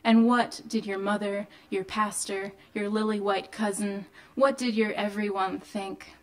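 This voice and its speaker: A woman poet reading her own poems to a live audience indoors, measured and deliberate, with loose, um-filled asides between poems. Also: medium pitch, steady tone. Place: indoor venue of a reading series.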